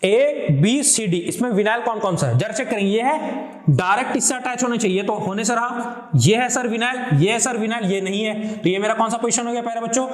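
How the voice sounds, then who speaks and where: A male chemistry teacher with a fairly high voice lectures his students. He keeps asking questions and answering them himself, calling the students fondly. The sound is roomy, with a noticeable echo. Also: a little fast. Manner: repetitive call-and-response questioning; affectionate addressing of students. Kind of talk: classroom lecture.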